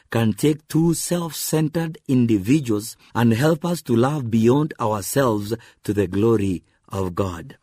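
A man's voice: mid-range voice, a little mellow, husky, dry recording, clean studio sound. A man giving a devotional radio talk, earnest and addressing the listener directly.

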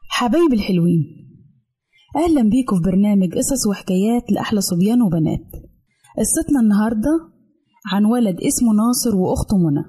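A woman with an Egyptian accent telling a children's story on a radio program, lively and acting out the characters. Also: mid-range voice, quick pace, long pauses, breathy edge, faint music behind. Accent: Egyptian Arabic.

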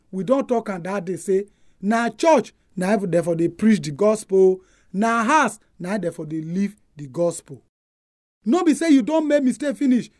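A man's voice: sits high, darkish tone. A man with a Nigerian Pidgin accent preaching as a pastor in an earnest, emphatic way.

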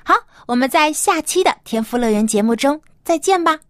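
Woman, children's show host, highish pitch, very animated intonation, expressive teaching delivery. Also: moderate pace. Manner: expressive, addressing young children. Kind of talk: educational children's broadcast, explaining English phrases and Bible lessons.

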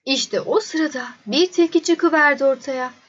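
A woman narrating a children's storybook in a gentle, measured way. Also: high voice, lo-fi sound.

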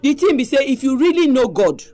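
A man's voice: extremely high pitch, big pitch swings, brisk, dark tone, faint music behind. A man from Nigeria with a Nigerian Pidgin accent, hosting a religious programme and exhorting listeners in an emphatic, conversational preaching style. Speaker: religious radio programme host.

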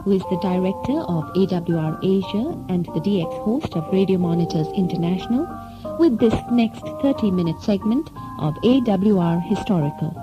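A woman announces a radio programme from a script. The sound is that of an old cassette, dull and lo-fi. Music plays clearly behind her voice. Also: mid-range voice, lively intonation, moderate pace.

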